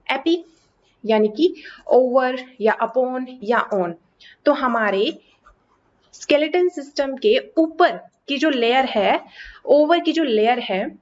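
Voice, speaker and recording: A woman teaching a lesson on English prefixes and hyphens, explaining step by step and saying example words slowly and carefully. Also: high-pitched. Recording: slightly dull lo-fi recording with faint background noise.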